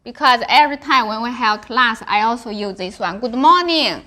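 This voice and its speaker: A woman's voice: on the high side, animated, normal speed, sharp tone. A woman with a Chinese accent teaching a language class, encouraging and practicing tones by repeating syllables and words.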